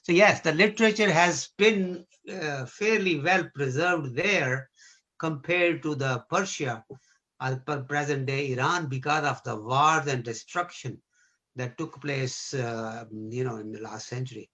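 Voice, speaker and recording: A man with a Pakistani accent leading a discussion, explaining in an agreeable, halting way. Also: mid-range voice, sharp tone, rough recording. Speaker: discussion leader.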